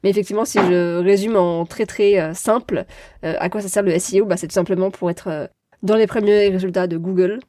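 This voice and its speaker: A woman's voice: medium pitch, fairly even intonation, brisk, dark tone. A woman hosting a podcast interview, speaking in a friendly, explanatory way with light laughs. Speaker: podcast host.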